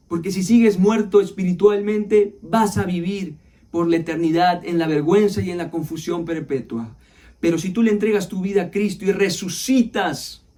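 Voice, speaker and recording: A male pastor from Peru preaching a sermon with passion, reading scripture and slowing down to stress key lines. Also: a little high, mellow.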